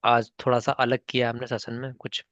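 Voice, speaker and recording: A man's voice: medium pitch, monotone, normal speed, a bit bright, dry recording. A man teaches a spoken English class over an online call, patient and encouraging. He calls on learners by name and moves between Hindi and English. The audio is dull and lo-fi with a dry, close sound.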